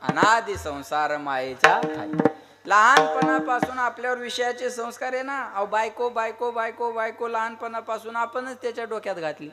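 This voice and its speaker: A man's voice: very high voice, moderate pace, over music. A man with a Marathwada Marathi accent preaching a devotional kirtan sermon, firing rhetorical questions and prodding the crowd to answer.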